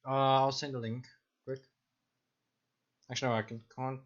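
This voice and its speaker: A man's voice: medium pitch, level tone, moderate pace, highs cut off. A young man narrating as dungeon master on a stream, talking in a loose, rambling, self-mocking way. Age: young adult. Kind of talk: narrating a tabletop game on stream.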